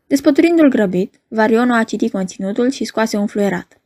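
A woman narrating a novel in a measured storytelling manner. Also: on the high side, animated, dark tone. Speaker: audiobook narrator. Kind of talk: novel reading.

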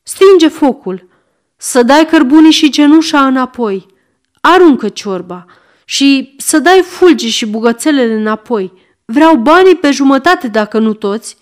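A woman's voice: fairly high pitch, expressive, close to an everyday voice. A woman voicing a sick old male miser, querulous and snapping commands. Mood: frantic.

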